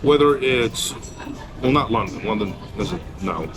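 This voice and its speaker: A man's voice: fairly low pitch, animated, unhurried, music in the background. A man from Poland answering street-interview questions, giving blunt and candid opinions about travel and dating. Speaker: interviewee, business owner.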